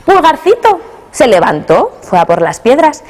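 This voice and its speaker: A young adult woman telling a fairy tale to children, expressive and asking them questions as she goes. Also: high-pitched, unhurried. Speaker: storyteller.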